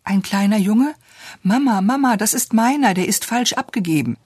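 A reader voicing an excitable, stubborn little girl in a storybook tale, pleading and indignant in turn. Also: medium pitch, a little slow, no echo, clean studio sound. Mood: pleading excited.

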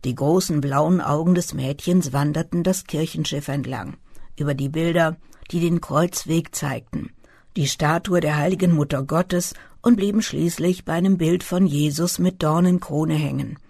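An audiobook narrator reading a literary novel in a calm, measured storytelling manner. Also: mid-range voice, gravelly, breathy edge, no echo, clean studio sound.

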